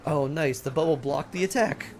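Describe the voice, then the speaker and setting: A man's voice: on the high side, normal speed, darkish tone. A man streaming a game casually, thinking aloud and chatting to viewers, with playful sing-song sound effects.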